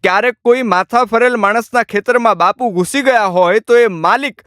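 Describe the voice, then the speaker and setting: A man narrating an audiobook in an expressive, dramatic storytelling manner. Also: very high voice, moderate pace, clear, resonant tone, no echo.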